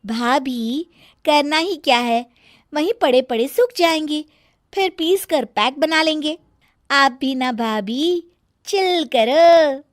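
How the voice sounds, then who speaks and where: A woman's voice: high-pitched, slow pace, no echo, clean studio sound, pitched above the performer's own voice. Woman doing a cheeky cartoon teenage girl. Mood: teasing. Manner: breezy, teasing, unbothered. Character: cheeky clever young unmarried daughter.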